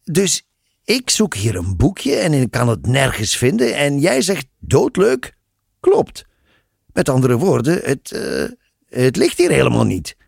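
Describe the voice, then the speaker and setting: A man's voice: deep voice, lively intonation, slow pace, creaky, darkish tone, husky, no room sound, clean studio sound, full character voice. A man voicing a curious, cynical man questioning a nun. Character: curious, searching adult man.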